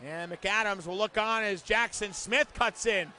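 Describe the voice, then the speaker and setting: A man's voice: high voice, measured pace, bright, forceful tone, slight background noise. A man giving ice hockey play-by-play commentary on a game broadcast.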